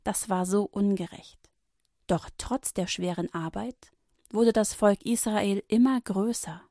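A woman reading a Bible story for children, gently and expressively. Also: mid-range voice, steady tone, unhurried, no echo, studio quality.

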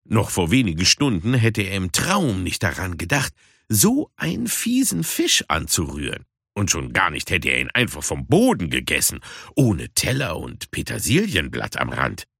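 A man reading a children's storybook aloud in an expressive, unhurried way. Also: deep voice, creaky, breathy edge, dry recording, studio quality. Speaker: audiobook narrator.

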